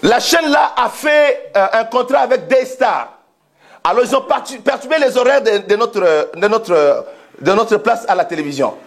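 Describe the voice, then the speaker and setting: Pastor guy preaching loud, laughing a lot, really high voice. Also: moderate pace. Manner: animated preaching, often shouting and laughing. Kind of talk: sermon.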